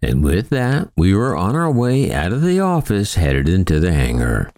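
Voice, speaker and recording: A man's voice: wildly swooping pitch, normal speed, a little mellow, dry recording, clean studio sound. A middle-aged man narrating a wry, vivid first-person story of his first flying lesson. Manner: wry, vivid storytelling with big swings in pitch.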